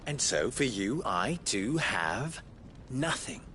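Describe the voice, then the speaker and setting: Cocky young merchant, theatrical period drama game, slow mocking pompous talk, really swoopy, bit of rumbly noise. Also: male voice, very animated, pushed and bright, exaggerated voice. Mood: smug, condescending. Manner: mocking, pompous, drawn-out delivery. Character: smug young male merchant and schemer, swaggering.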